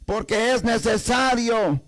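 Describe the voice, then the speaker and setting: A man's voice: extremely high pitch, takes it slowly, fairly bright tone, soft background music, low-quality recording. A man preaching a sermon to a congregation with a Salvadoran Spanish accent, asking many rhetorical questions. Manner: rhetorical questions to the congregation, repeats "amados hermanos".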